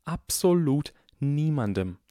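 A man's voice: on the high side, very animated, slow pace, mellow, no echo, studio quality, voice pushed up. A man voicing a strict elderly female professor in a harsh, clipped whisper, reading an audiobook. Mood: stern hushed.

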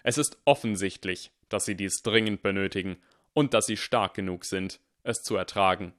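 A man voicing a stern, cunning male teacher who speaks calmly, deliberately and firmly. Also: lowish voice, close to an everyday voice. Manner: calm, deliberate and firm.

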